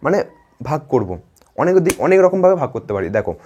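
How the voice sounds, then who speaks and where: A man's voice: fairly high pitch, very animated, quick pace, darkish tone, slightly rough, lo-fi sound. A man teaching a grammar lesson to children, repeating points and asking if they follow. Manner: repetitive, checks in with "ঠিক আছে?" often.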